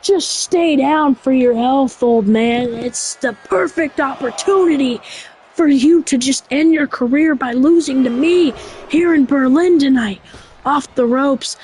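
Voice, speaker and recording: High-voiced woman calling a wrestling game. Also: unhurried, a little hiss or hum, low-quality recording. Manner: excitable, shouting at big moments. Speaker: game commentator. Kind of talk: excited play-by-play of a wrestling video game.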